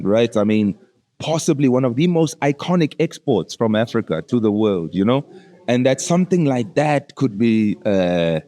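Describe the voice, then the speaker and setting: A man with a warm, medium-pitched voice hosts a podcast, casually interviewing a musician. His language is slangy and familiar, with terms like "bro" thrown in.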